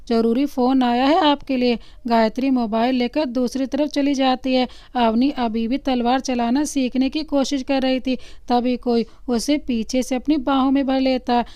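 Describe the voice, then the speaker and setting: A woman's voice: high voice, warm tone, clean tone, dry recording, dull audio. Woman narrating a romantic story.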